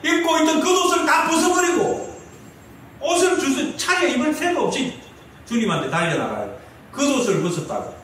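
Pastor, man, high animated voice, preaching and quizzing the congregation, echoey church hall, mic at a distance. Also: moderate pace, slight background noise. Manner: lively preaching with rhetorical questions to the congregation. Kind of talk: sermon. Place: church sanctuary.

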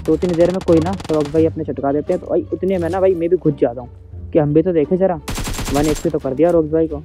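Male streamer, casual play-by-play, teasing and excitable, fairly high voice, with game music underneath. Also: fast talker. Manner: excitable, joking, teasing trash talk. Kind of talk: casual gameplay commentary. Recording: game music and gunfire behind the voice.

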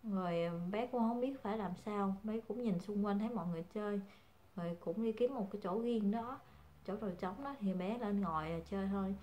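A woman's voice: mid-range voice, fairly quick, mellow. A young woman, chatting casually to her viewers as a mother, hesitant and full of fillers. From Vietnam. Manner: hesitant, many fillers, calls viewers family. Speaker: vlogger, mother.

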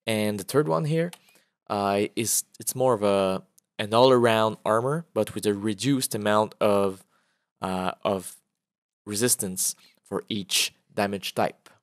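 A man's voice: lowish voice, a little slow, no room sound, clean studio sound. A man, an indie game developer, casually walking through his game prototype with frequent "uh" fillers. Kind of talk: casual gameplay walkthrough.

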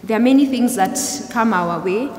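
A young adult woman giving a youth service sermon in a measured, explanatory way, often rephrasing as she goes. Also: fairly high pitch, a little mellow. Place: large church hall, indoors. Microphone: gooseneck pulpit microphone. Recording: echoey hall, clear background noise.

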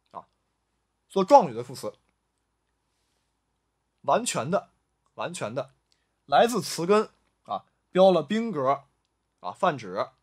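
A male language teacher works through a vocabulary list, saying each new word several times in a slow, deliberate drill and filling gaps with drawn-out "ah" sounds. His voice sits high and swings widely in pitch. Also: fairly bright tone. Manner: frequent drawn-out "ah" fillers. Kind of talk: vocabulary lesson.

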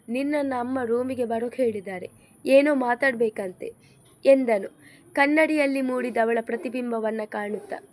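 Woman, storyteller, audiobook narration, expressive, high voice.

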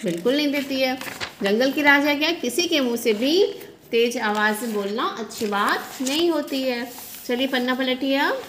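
A woman's voice: sits high, normal speed, a bit bright, a little hiss or hum. A young woman teacher who reads a story aloud to children, then explains it again and asks the class questions. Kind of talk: storytelling lesson, reading a textbook to children.

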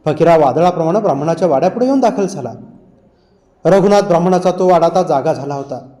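A man reading a novel aloud as an audiobook narrator, with steady, dramatic storytelling. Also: high-pitched.

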